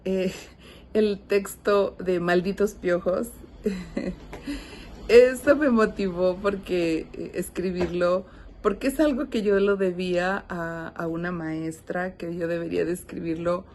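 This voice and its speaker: A woman's voice: on the low side, slow pace, a little mellow, a little hiss or hum. A woman author talking about her writing in a hesitant way, with many fillers, over a video call.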